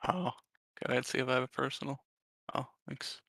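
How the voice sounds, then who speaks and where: A man chatting over voice chat while gaming, making quick, offhand remarks. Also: medium pitch, vocal fry, bright, forceful tone, dry recording.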